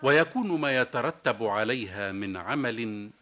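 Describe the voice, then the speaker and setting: A man's voice: mid-range voice, expressive, normal speed, a bit bright, slight background noise. A man presenting a scripted radio literary program in formal classical Arabic, telling anecdotes and quoting verse.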